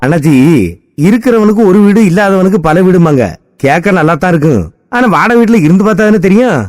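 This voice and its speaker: A man with a Tirunelveli Tamil accent, chatting in a folksy, storytelling way in a scripted radio ad. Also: high voice. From Tirunelveli, Tamil Nadu. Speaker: radio ad character, Mobile Vaayan.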